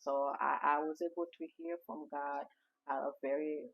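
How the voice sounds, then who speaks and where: A woman from Haiti, a memoir author, telling her story in a casual interview with reflective pauses and fillers. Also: sits low, little pitch movement. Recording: dull lo-fi recording.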